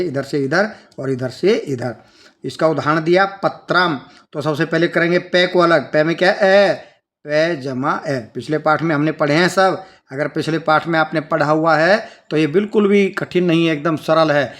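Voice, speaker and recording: A man's voice: fairly high pitch, moderate pace, a bit bright. A man teaching a children's language lesson, patiently breaking words into sounds and spelling them out step by step.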